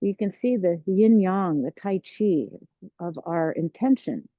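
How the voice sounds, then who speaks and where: A woman teaching a tai chi class, giving serene, encouraging, unhurried movement cues. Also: on the low side, lively intonation, mellow. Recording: roomy, dull lo-fi sound.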